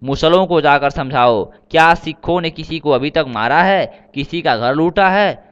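A man's voice: fairly high pitch, unhurried, a bit bright, smooth, muffled recording. A man voicing a suspicious, resentful Sikh man who accuses and sneers in a storybook reading. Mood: accusing.

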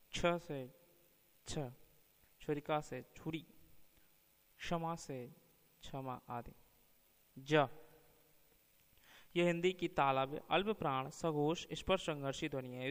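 A man giving a measured academic lecture, slowly listing word pairs one by one. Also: fairly high pitch, a bit bright, clear, resonant tone. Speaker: teacher. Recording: long reverb.

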